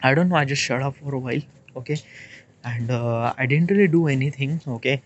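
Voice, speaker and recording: A man in his late twenties with an Indian English accent, thinking aloud in a rambling, halting monologue and checking in with "okay?" as he goes. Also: mid-range voice, dull audio, a little hiss or hum. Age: 20s. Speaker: vlogger. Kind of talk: casual reflective monologue.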